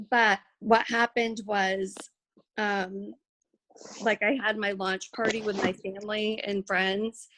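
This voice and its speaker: A woman's voice: mid-range voice, background noise. A woman leading an informal team training, talking in a chatty way with many fillers and restarts, and saying she feels shy and nervous. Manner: self-described shy and nervous. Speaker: network marketing team trainer. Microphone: recorded for a video.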